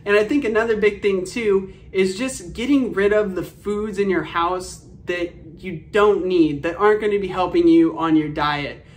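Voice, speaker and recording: A young man with a high-pitched voice chats upbeat and straight to his viewers, vlogging to camera at home in his living room and kitchen. He talks at normal speed with hardly any pauses.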